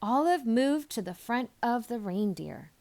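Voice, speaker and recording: A woman narrating a children's story expressively, leaning deliberately on key words. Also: on the high side, very animated, mellow. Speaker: storybook reader.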